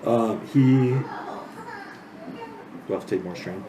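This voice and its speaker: A man narrating a tabletop game as game master, slow and halting, with many fillers. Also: mid-range voice. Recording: echoey room with background noise.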